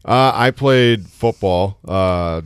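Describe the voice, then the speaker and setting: A man's voice: on the low side, slow, clear, resonant tone, no room sound, clean studio sound. A young man from Rhode Island with a light Rhode Island accent, chatting casually and laughing easily as a guest on a radio show. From southern Rhode Island. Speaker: guest, baseball broadcaster. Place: radio studio.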